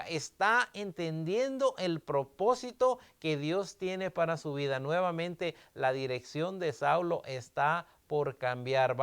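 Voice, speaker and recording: High-voiced preaching man, clear tone. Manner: reads scripture aloud and comments with emphasis. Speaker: pastor. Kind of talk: sermon.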